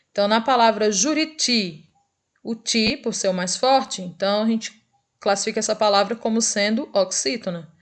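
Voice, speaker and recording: Brazilian woman, teacher, recorded review lesson; patient, checks in with tag questions, drags out example words. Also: mid-range voice. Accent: Brazilian Portuguese.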